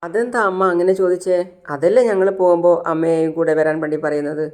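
A narrator voicing a caring young married daughter who talks earnestly and keeps asking questions. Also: female voice, on the low side, fairly even intonation, quick pace, darkish tone, close to an everyday voice.

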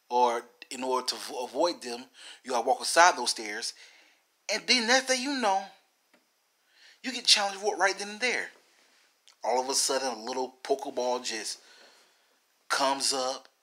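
A man with a mid-range, pushed and bright voice delivers rambling, theatrical video game commentary, repeating phrases and addressing the viewers directly.

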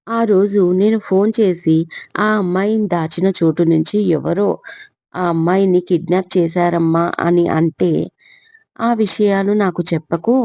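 A woman's voice: fairly low pitch, a little mellow, no room sound. Lady doing a cold evasive guy on the phone, brushing things off, dry close sound. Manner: dismissive, cold. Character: man on the phone, evasive and blunt. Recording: slightly dull lo-fi recording.

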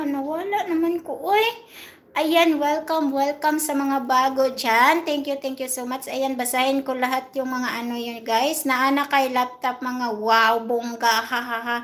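Brief: young woman, high voice, unhurried livestream host, chatty and giggly. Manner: chatty, thanks viewers one by one, giggles often. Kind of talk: casual livestream chat reading viewer comments.

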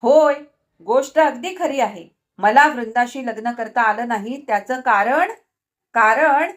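A woman's voice: a little high, measured pace, lightly acted. A woman voicing an angry, scornful husband in a storybook reading, sneering and biting.

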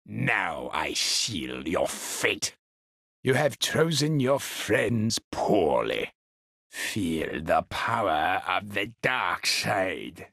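A cruel old galactic emperor, a video game villain with a deep, gravelly croak. He draws his words out very slowly, imperious and gloating. The delivery is theatrical and full of menace. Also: fairly bright tone, no room sound, studio quality, exaggerated voice. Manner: slow, theatrical, menacing drawl.

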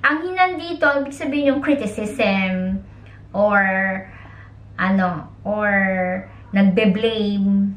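A woman's voice: medium pitch, takes it slowly, reverberant. A woman who is a mother, teaching Japanese in a casual spoken lesson, explaining in Tagalog with English words and acting out example lines in a raised voice. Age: young adult or middle-aged, a mother.

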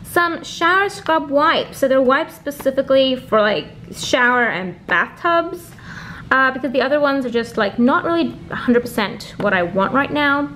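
A woman's voice: high-pitched, lively intonation, normal speed, bright, forceful tone, slight background noise. A young woman, chatting casually through a grocery haul at home, with lots of fillers. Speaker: vlogger. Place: home kitchen, indoors.

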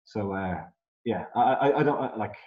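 A man's voice: on the low side, expressive, moderate pace. An Irish man talking candidly about his music in a rambling podcast chat, full of fillers. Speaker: musician guest. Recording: roomy, dull sound.

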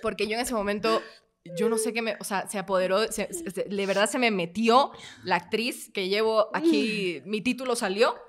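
A woman's voice: medium pitch, normal speed, crowd noise. A woman, an actress and guest, telling a comedic anecdote casually and acting out the people in it. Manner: animated storyteller acting out voices, laughing often.

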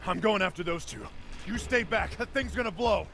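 An actor playing a stern, protective older brother in a video game, speaking with urgent command. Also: male voice, high-pitched, moderate pace, gravelly, sharp tone, slight background noise, heavily acted. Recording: game music and effects behind.

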